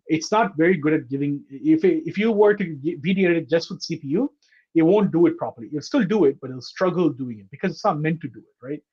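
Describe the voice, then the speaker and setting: Guy teaching a computer class over a video call, kinda dull laptop audio, slightly husky, keeps going "okay?". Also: on the high side, lively intonation, brisk, warm tone. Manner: explains step by step, often checking in with "okay?" and "right?". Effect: heard over a video call. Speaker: computer course instructor. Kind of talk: live online class lecture. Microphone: laptop or headset mic on a video call.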